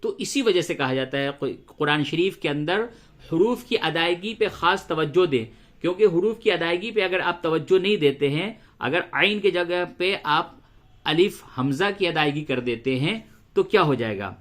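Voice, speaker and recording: A man gives a tajweed lesson in a high, bright voice. He breaks off his explanations to recite verses in slow, drawn-out tones. He repeats single sounds over and over so listeners can practise them. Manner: addresses listeners as brother, repeats sounds for drilling. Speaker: Quran teacher.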